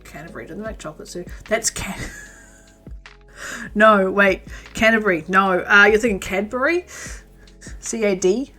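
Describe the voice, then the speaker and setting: While crocheting on a livestream, this New Zealand host rambles through casual chat, reads and replies to viewer comments, and now and then murmurs stitch counts. She speaks a little slowly with long pauses in a mid-range voice, bright and forceful, over faint music.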